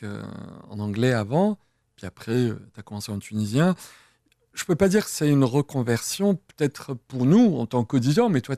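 A man's voice: medium pitch, darkish tone, dry recording, studio quality. A man interviewing a singer, asking long, rambling, chatty questions. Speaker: radio interviewer.

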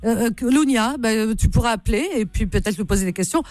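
Female radio host, casual chat with callers, close dry studio sound, soft music underneath. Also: fairly high pitch, fast talker, no room sound. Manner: frequent short interjections and affectionate terms to callers. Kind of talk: casual conversational radio hosting.

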